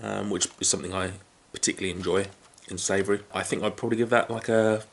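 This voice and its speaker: This British man, in his thirties, reviews chips casually at home, chatting unscripted to a camera just in front of him between crunchy mouthfuls. His voice is on the low side, steady in tone and fast. The small living room recording has clear background noise and crinkling packets.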